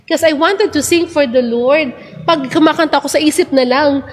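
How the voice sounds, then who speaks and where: A woman's voice: high voice, normal speed, a little hiss or hum. Earnest Filipino woman in a reverberant room. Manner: mixes Tagalog and English, chatty, earnest. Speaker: church program host. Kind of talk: casual religious talk.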